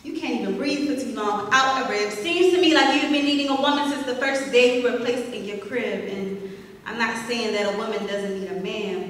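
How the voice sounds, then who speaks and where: A woman's voice: on the high side, a bit bright. A young woman performing spoken word poetry at an open mic, with a rhythmic, emphatic, confrontational delivery that builds to punch lines. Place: small arts center stage, indoors. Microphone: stand mic, filmed from the audience. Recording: echoey hall, voice from far off.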